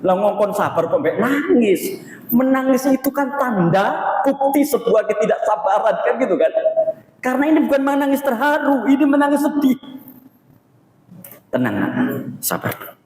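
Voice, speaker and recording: A man giving an Islamic study sermon, animated and acting out quoted speech, his voice swinging from hushed to loud. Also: very high-pitched, normal speed. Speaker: preacher. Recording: echoey hall.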